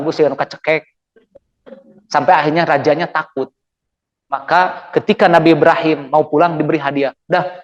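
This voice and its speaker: A man preaching with a Sundanese accent, playful and animated, acting out angry quarrels for his audience. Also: fairly high pitch, highs cut off. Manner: playful, acts out quarrels with shouts and jokes. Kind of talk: lively sermon to women. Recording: reverberant hall.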